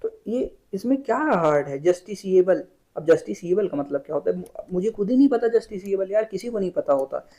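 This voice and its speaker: A man's voice: high voice, lively intonation, moderate pace, warm tone, low-quality recording. A young man giving a casual exam-prep tutorial. He is chatty, repeats words, and mixes English terms into his Hindi. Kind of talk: casual screen-share tutorial.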